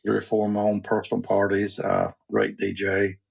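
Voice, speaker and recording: A man's voice: fairly low pitch, monotone, moderate pace, creaky, breathy edge, muffled recording. A man as a podcast guest, talking in an easygoing, rambling way. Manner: easygoing, rambling, restarts often. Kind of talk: casual interview chat.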